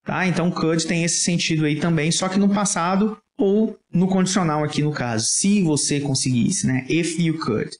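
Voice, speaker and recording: A man's voice: a little high, moderate pace, hardly any pauses. Patient Brazilian man teaching, roomy echo. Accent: Brazilian Portuguese. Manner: explains patiently, checks understanding often with "tá?". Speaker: English teacher. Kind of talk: casual language lesson.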